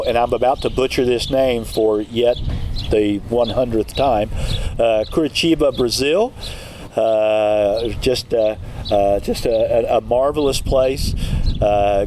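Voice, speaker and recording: A man hosts a casual podcast interview, pausing often with fillers and restarts. His voice sits at a middling pitch. He is recorded outdoors with clear wind noise behind him. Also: darkish tone. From Kentucky. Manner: halting, many fillers and restarts. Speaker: podcast host.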